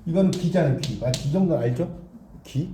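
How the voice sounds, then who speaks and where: Male tutor, high dark voice, animated exam-prep teaching, echoey room. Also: brisk, slight background noise. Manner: animated, repeats himself, corrects his own slips.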